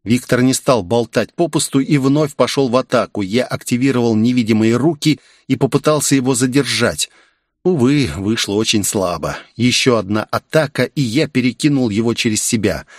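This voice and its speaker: Steady male audiobook narrator. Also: medium pitch, moderate pace, no room sound, studio quality. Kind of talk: first-person audiobook narration.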